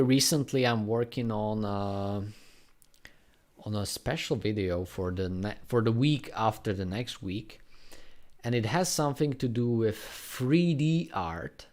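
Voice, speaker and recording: A man from Slovakia with a Slovak accent, chatting casually on a live stream and answering viewers' questions in a rambling, unhurried way. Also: lowish voice, animated, a little mellow. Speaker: graffiti artist live streamer.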